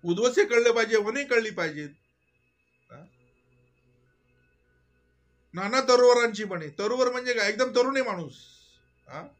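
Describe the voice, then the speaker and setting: A man giving a devotional discourse, full of rhetorical questions and swinging between soft murmurs and loud exclamations. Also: very high-pitched, lively intonation, normal speed, long pauses, soft background music. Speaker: spiritual teacher.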